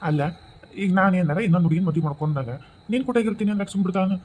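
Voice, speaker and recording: A man's voice: sits high, rapid-fire, darkish tone, a little hiss or hum, natural voice, low-quality recording. A man voicing a teasing, doting husband. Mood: joking. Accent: North Karnataka Kannada. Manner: teasing, affectionate. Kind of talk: cartoon voice acting.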